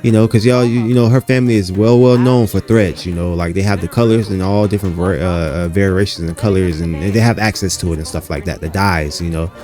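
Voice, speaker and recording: A man voicing a flirty farmer husband with a deep, mellow voice, sweet-talking his wife. He stays easygoing and complimentary, with no strain in the tone. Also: steady tone, fast talker, hardly any pauses, faint music behind, natural voice.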